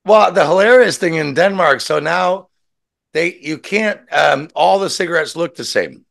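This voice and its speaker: A man with a somewhat high, slightly bright voice and some vocal fry chats casually at an unhurried pace while smoking a cigarette. He rambles through animated anecdotes, swearing freely and acting out quoted dialogue.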